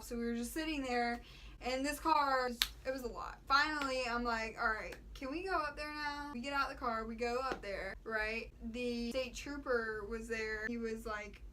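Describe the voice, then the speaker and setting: Bright, high-voiced young American woman. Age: young adult. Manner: animated, slangy, quotes dialogue. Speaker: vlogger telling a story with a friend. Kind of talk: casual chatty storytelling. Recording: clear background noise.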